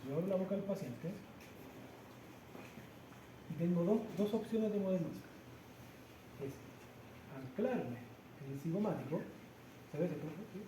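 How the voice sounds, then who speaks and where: A man instructor, leading a hands-on practical class demonstration and explaining step by step while checking in with his students. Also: fairly high pitch. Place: practice room with a treatment table. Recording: echoey room with loud background noise.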